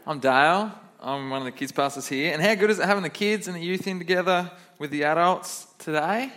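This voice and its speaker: A young kids pastor with a fairly high, somewhat bright voice leads a children's sermon in church, speaking a little fast. Upbeat and chatty, he keeps stopping to quiz the kids in the room.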